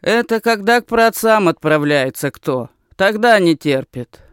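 A man voicing a grumpy, hunched old woman servant who scolds in a slow, drawn-out grumble. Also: sits high, expressive, smooth, no room sound, clean studio sound, voice pushed up. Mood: grumbling.

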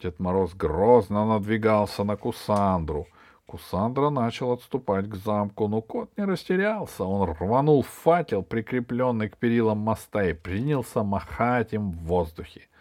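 A man narrating a children's book aloud in an expressive, even-paced way. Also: lowish voice, moderate pace. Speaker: audiobook reader. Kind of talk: storybook narration.

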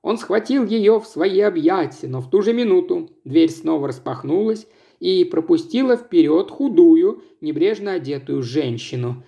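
A man reading an audiobook aloud in an expressive storytelling manner. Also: high-pitched, normal speed, vocal fry. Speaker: audiobook narrator. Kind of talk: scripted audiobook narration.

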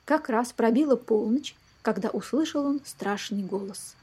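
A woman reading a children's fairy tale aloud in a lively, expressive storytelling manner. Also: a little high, moderate pace, breathy edge.

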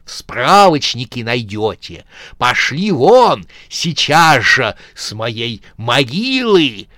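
A man voicing an irritable rotting male corpse in a storybook horror tale, who scolds in a loud hiss. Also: medium pitch, big pitch swings, slow, no room sound, clean studio sound, heavily acted. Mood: irritated, scolding.

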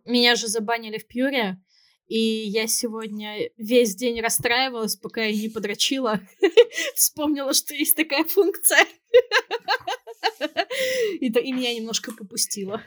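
A woman's voice: on the high side, lively intonation, a little slow, long pauses, a bit bright. A woman of thirty co-hosting a podcast in casual, foul-mouthed chat, with a burred, non-standard r and a habit of butting in. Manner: playful, foul-mouthed, interrupting. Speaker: podcast co-host. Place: remote video call.

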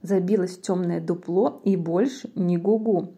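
A woman reading a rhyming children's storybook aloud with lively, rhythmic narration. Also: on the low side, moderate pace, slightly rough. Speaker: storybook reader.

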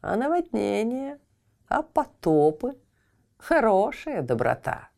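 A woman voicing a boastful, quick-tempered male fire spirit in a children's audio tale, gruff and mocking. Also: a little high, very animated, darkish tone, voice pushed up, full character voice.

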